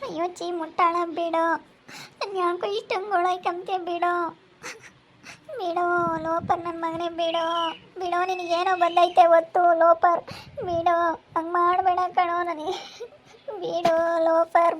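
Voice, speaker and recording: A desperate young wife, played by a woman, pleading and then lashing out. Her voice is very high but keeps to a narrow, even line. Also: unhurried, long pauses, a little hiss or hum. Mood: cursing. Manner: pleading, then cursing angrily.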